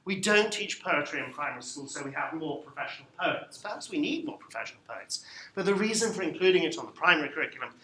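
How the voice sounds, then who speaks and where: A man giving a live lecture to a room of teachers, lively and wry, putting questions to the audience. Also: fairly high pitch, fast talker. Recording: echoey room, faint background noise.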